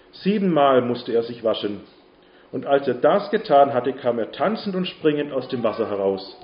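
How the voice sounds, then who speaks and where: A man narrating a Bible story for children in a lively, expressive way, in a dull, roomy recording with faint hiss. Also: medium pitch.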